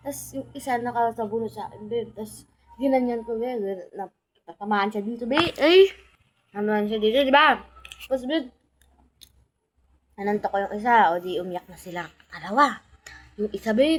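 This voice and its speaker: A woman's voice: a little high, husky, rough recording. A young woman vlogger chatting casually to her viewers, telling a storytime and calling them "be" and "guys".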